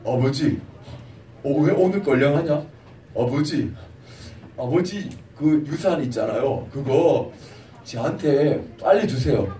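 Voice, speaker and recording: A man's voice: a little high, expressive, slow, long pauses, warm tone, a little hiss or hum, pitched below the performer's own voice. A man doing a greedy wheedling younger son. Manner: wheedling, pushy. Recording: echoey room, mic from a distance.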